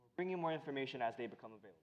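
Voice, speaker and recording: A man playing the solemn lead anchor of a mock breaking news broadcast, formal and deliberate, in a dull recording. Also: mid-range voice, animated, lightly acted. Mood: formal, serious.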